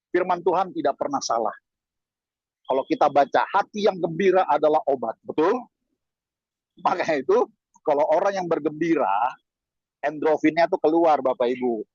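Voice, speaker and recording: Husky, animated man preaching. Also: normal speed, pauses often, no echo, highs cut off. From Indonesia. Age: 50s. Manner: lively, swings pitch up for emphasis, chatty asides. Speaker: pastor. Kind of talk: sermon over video call.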